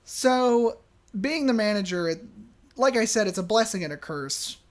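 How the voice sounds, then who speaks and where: A podcast host casually telling a work story, animated and chatty, acting out the people in it. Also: medium pitch, moderate pace. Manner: chatty, many fillers and restarts.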